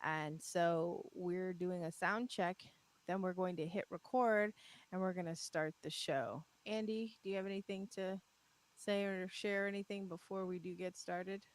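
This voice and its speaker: Lively, chatty woman podcast host. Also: lowish voice, measured pace. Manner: chatty, laughs often, upbeat. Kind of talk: casual live-stream chat.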